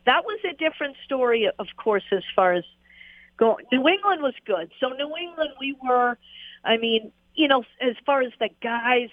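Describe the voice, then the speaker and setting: Over a tinny phone line, a former jockey with a fairly high-pitched voice shares stories in a relaxed, rambling interview, laughing often and using plenty of fillers. There's no room sound in the audio.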